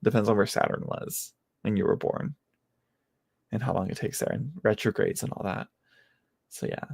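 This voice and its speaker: Late-twenties tarot reader, gravelly and chatty, rambles and restarts a lot, teases himself. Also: male voice, fairly low pitch, normal speed, darkish tone. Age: late 20s. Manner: rambling, self-mocking, many restarts. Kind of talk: casual live-stream chat.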